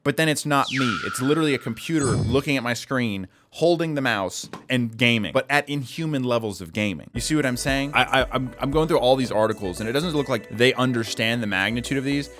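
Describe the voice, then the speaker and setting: A man giving casual, animated commentary to camera as a gaming video creator, talking in slang and restarting his sentences. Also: medium pitch, fairly quick, hardly any pauses, soft background music.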